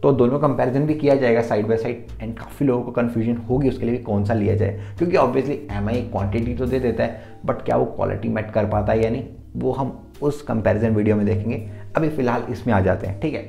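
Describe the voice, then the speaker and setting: A man with a gravelly, fry-tinged voice walks through a gadget review in a casual, chatty way, switching between Hindi and English. He speaks into his own mic in a roomy space with a noticeable echo, and faint music sits underneath. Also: mid-range voice, a little fast, mellow. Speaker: tech reviewer. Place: indoor room lit by softbox lights. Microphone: his own mic set up.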